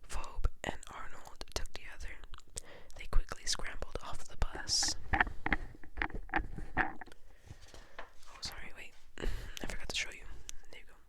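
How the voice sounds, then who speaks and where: Woman, whispered storybook reading, close mic, unvoiced, soft. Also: slow pace, long pauses. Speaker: ASMR reader.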